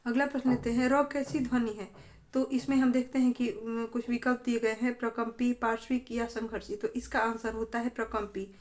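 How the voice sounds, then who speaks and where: Female tutor with a high-pitched voice, calmly explaining answers in an exam-prep lesson. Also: normal speed. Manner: steady explaining, question and answer. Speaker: teacher.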